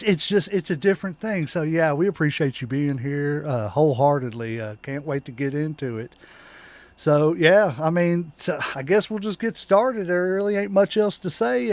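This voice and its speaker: A man's voice: high-pitched, a little mellow, dry recording. A man hosting a podcast, chatting casually and loosely with a guest. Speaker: podcast host. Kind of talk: casual interview chat.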